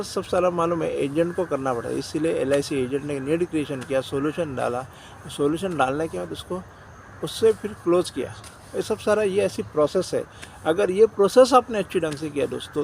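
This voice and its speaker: Indian guy giving insurance agents a pep talk, gravelly voice, a bit high, faint street noise behind. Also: fairly quick, rough recording. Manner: direct, repeats phrases, often says "dosto". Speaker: insurance sales trainer. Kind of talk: motivational sales talk to agents.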